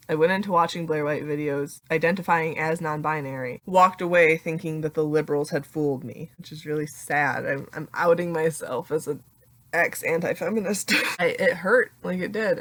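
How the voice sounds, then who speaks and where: A young adult woman with a deeper voice talks casually in a confessional vlog, laughing often and filling her speech with "like." The recording has no room sound.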